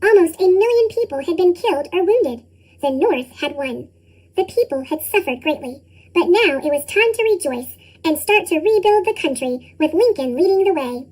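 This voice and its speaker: A narrator with a squeaky cartoon chipmunk voice effect, reading a children's storybook from a script. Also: expressive, moderate pace, darkish tone, rough recording. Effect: pitched-up chipmunk effect.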